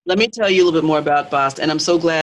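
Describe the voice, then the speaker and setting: A host of a live talk, explaining spiritual lore in a teaching way, pausing and restarting often. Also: medium pitch, rough recording. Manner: explanatory, with many fillers and restarts.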